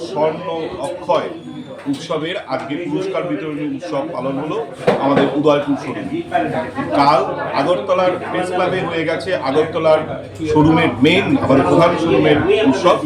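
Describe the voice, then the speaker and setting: A man's voice: on the high side, steady tone, moderate pace. A man giving an unscripted statement as a store representative at an event, speaking phrase by phrase. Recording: echoey room with loud crowd. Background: crowd chatter.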